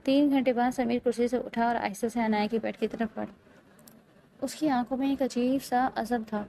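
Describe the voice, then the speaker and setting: A woman narrating a romance novel in a steady, dramatic storytelling way, as scripted audiobook narration. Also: a little high, creaky, slight background noise, poor audio.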